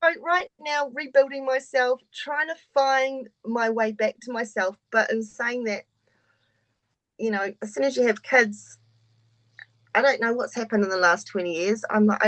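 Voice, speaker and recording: A woman's voice: medium pitch, no echo, rough recording. A woman in her forties giving a frank, open introduction of herself on a video call, swearing now and then. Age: 40s. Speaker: course participant.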